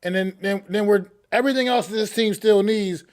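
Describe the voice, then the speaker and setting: High-voiced guy on a sports panel, keeps repeating his point. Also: moderate pace. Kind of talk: sports debate.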